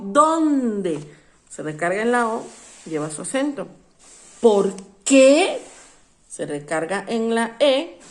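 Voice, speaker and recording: A woman teaching a class in a patient, explanatory way, with a slightly high voice. She keeps asking rhetorical questions and stretches out key words to stress them. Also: a little mellow. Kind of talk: online class lesson.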